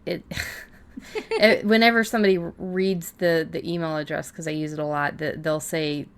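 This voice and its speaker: Speaking at a normal pace with a low pitch and fairly even intonation, this podcast co-host, who also writes fiction, rambles loosely through casual, informal chat.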